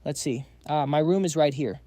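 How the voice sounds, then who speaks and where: A man putting on a drained, sarcastic young student in a storybook recap, grumbling in slangy asides. The tone is mellow and slightly high, recorded dry and close. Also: moderate pace, no room sound, lightly acted. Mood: exasperated. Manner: exasperated, slangy inner monologue. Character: weary young male student, sarcastic and panicky.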